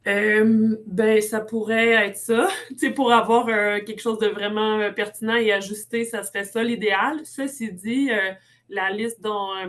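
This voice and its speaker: A woman's voice: medium pitch, a bit bright. A woman with a Quebec French accent, a speech therapist answering webinar questions in a chatty way full of fillers. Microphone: video call.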